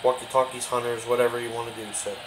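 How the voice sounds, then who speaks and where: This hobby video host speaks with medium pitch and a flat delivery, trailing off in halting phrases as he does an unplanned show-and-tell. He's indoors in his home kitchen behind a handheld camera, which picks up plenty of noise.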